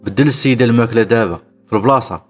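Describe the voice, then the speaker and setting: Man voicing a courteous rich restaurant owner, Moroccan accent, soft-spoken, fast. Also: medium pitch, soft background music, lightly acted. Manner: soft, polite speech. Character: wealthy older male restaurant owner, calm and courteous.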